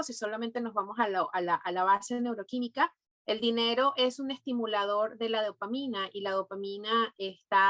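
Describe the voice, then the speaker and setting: Venezuelan woman explaining finance calmly. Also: fairly high pitch, no echo. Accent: Venezuelan Spanish. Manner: explanatory, thoughtful with pauses and fillers. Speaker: guest, neurofinance specialist. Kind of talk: podcast interview.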